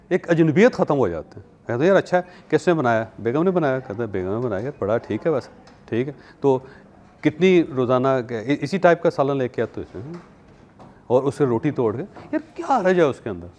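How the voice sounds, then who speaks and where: A man from Pakistan, hosting a talk and telling lively stories, acting out the people he quotes and laughing often. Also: medium pitch, a little fast. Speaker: talk show host and columnist. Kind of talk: animated conversational talk.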